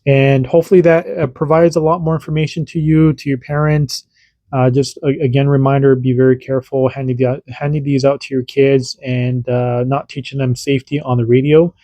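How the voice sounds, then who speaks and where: Brisk and warm, with medium pitch and little pitch movement, this radio hobbyist host is a man and a parent running an informal hands-on radio demo. He rambles as he explains and frequently restarts his sentences; the recording has no echo.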